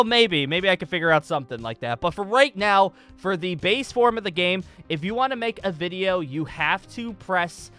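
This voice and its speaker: Seated at a computer desk indoors, this young man speaks in a high, smooth, fairly bright voice. His tutorial is loose and rambling, offhand commentary over gameplay where he repeats phrases to drive points home.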